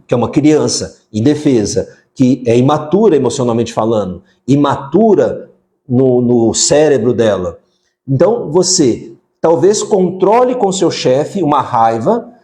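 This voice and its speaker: A man's voice: on the high side, warm tone. A man, hosting a parenting live stream, talking casually and putting direct questions to the viewers. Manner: conversational, asks viewers direct questions, frequent fillers. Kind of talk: live-stream talk answering viewer comments.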